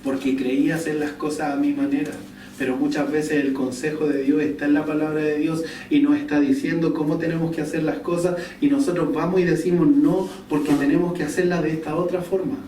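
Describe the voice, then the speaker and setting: Male preacher, mellow tone, storytelling sermon, distant mic with faint room noise. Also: on the high side, little pitch movement, fairly quick, roomy sound. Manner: storytelling, asks the congregation questions. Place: church hall.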